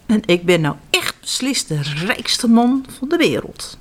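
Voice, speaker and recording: Woman putting on a sly crooked innkeeper for a bedtime story: lively, swooping, gloating. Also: unhurried, exaggerated voice. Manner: gloating, then pleading in high panic. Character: dishonest male innkeeper, greedy then frightened.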